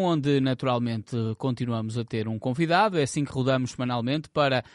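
A man with a European Portuguese accent hosts a conversational interview. His voice is a little high for a man and recorded very dry. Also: no room sound. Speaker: host interviewer.

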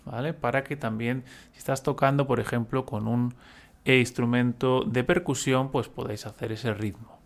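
A man's voice: mid-range voice, steady tone, normal speed, vocal fry. A man teaching a music lesson, patiently explaining step by step and humming examples.

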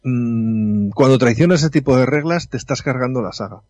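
A man in a casual film discussion, talking in an animated, indignant, informal way. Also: medium pitch, moderate pace, dry recording, lo-fi sound. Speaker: film commentator.

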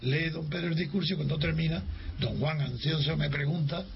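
His voice is fairly high and creaky, and he talks a little fast: an older man from Spain recounting a memory for an interviewer, energetically acting out dialogue and restarting frequently. Expect dull lo-fi sound with a faint hiss.

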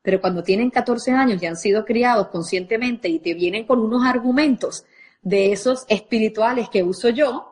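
A woman's voice: on the high side, normal speed, darkish tone, husky. A woman parenting coach, speaking expressively and directly to a live audience.

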